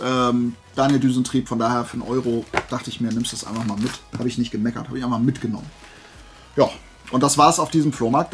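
A man vlogs to camera as a YouTuber showing off flea market finds, chatting casually and playfully and rambling through asides. His voice is mid-range and husky.

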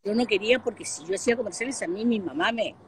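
An older woman with a Peruvian Spanish accent, a guest telling lively stories in a casual interview with plenty of fillers. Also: medium pitch, quick pace, background noise. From Peru. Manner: lively storyteller, frequent fillers. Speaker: guest, actress and broadcaster. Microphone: video call.

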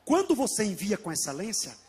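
A Brazilian pastor preaches with a Brazilian Portuguese accent, shouting and half-singing his key phrases. His voice sits very high for a man. His pitch leaps around dramatically from phrase to phrase. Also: huge pitch swings, a little fast, slight background noise. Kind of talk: impassioned Pentecostal sermon.

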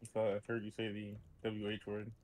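Mellow-voiced playful male gaming buddy. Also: lowish voice, brisk. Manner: playful, teasing, deadpan jokes. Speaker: co-op gaming guest. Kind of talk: casual chat while playing a modded game.

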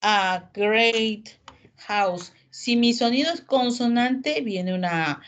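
A woman's voice: a little high, dull audio. Patient woman teacher on a video call. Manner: patient, explains slowly, mixes Spanish and English. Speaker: English teacher. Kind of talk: online class, calling on students.

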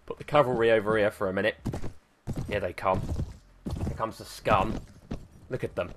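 A young man streaming a battle game live, animated and jokey, barking orders at his troops and swearing cheerfully. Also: fairly low pitch, moderate pace, noisy background. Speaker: gaming streamer. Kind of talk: live gameplay commentary.

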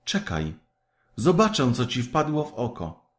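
A man's voice: mid-range voice, wildly swooping pitch, unhurried, pitched above the performer's own voice. A man voicing a caring little girl. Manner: gentle and concerned. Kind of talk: storybook reading.

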